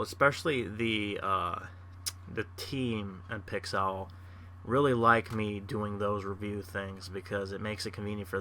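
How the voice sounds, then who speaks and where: A man hosting a gameplay channel, chatting casually in a rambling way with plenty of pauses and restarts. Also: fairly low pitch, bright, forceful tone, a little hiss or hum. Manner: rambling, lots of uh fillers and restarts.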